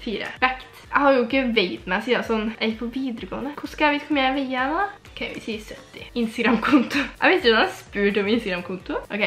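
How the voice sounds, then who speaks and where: A bubbly nineteen-year-old woman with a Trøndelag accent, chatting casually to camera. Her voice is high and bright, and the room around her sounds echoey. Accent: Trøndelag Norwegian. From Trøndelag, Norway. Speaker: YouTuber. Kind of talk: casual vlog chat.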